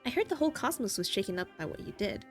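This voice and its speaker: A woman's voice: on the high side, racing, faint music behind. A woman streaming a video game, reading its dialogue aloud and reacting expressively as she goes. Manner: expressive, exclaims and laughs at the story.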